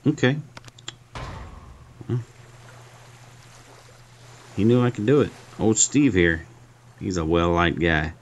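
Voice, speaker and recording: In this clip, a man with a low, animated voice talks slowly, leaving long pauses. He chats casually while playing and reviewing a mobile game, thinking out loud and teasing himself over his mistakes, with faint game music in the background.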